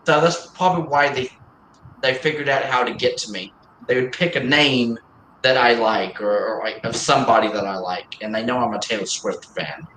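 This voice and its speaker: Male streamer, chatty and rambling with stop-start phrasing; sharp, bright voice in an echoey room. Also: mid-range voice, slight background noise. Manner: rambling, halting, with many restarts and repeated words. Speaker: livestream host. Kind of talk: casual chat on a livestream. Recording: roomy echo.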